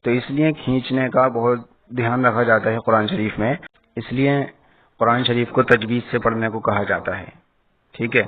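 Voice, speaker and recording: A man giving an online Quran reading lesson. He spells syllables out slowly, then explains at a brisk pace. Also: medium pitch, fairly even intonation. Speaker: Quran teacher. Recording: tinny phone-like audio with faint hiss.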